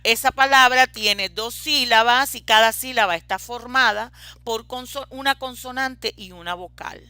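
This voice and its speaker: A woman's voice: a little high, sharp tone, dry recording. A woman teaching a lecture on reading and writing, explaining step by step with frequent hesitant fillers.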